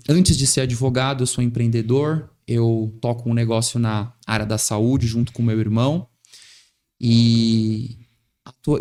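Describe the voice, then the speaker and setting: A man's voice: medium pitch, a little mellow. A man with a São Paulo accent, a tax lawyer guest on a podcast, speaking articulately and wittily and often adding "né". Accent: São Paulo Portuguese. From São Paulo, Brazil. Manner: articulate, witty, rhetorical, frequent tag "né". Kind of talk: podcast interview.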